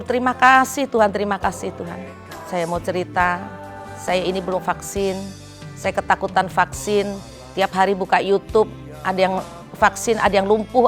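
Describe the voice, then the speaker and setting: A middle-aged woman with an Indonesian accent, giving an emotional personal testimony in church. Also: mid-range voice. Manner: emotional, heartfelt storytelling, pleading in recalled prayer.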